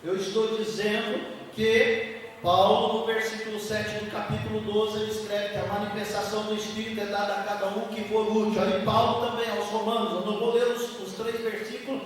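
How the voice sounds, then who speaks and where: A man's voice: high voice, flat delivery, moderate pace. A man preaching a sermon as an evangelical bishop, emphatic, asking the congregation questions and answering them himself. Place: church hall. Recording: echoey hall from far off, faint noise.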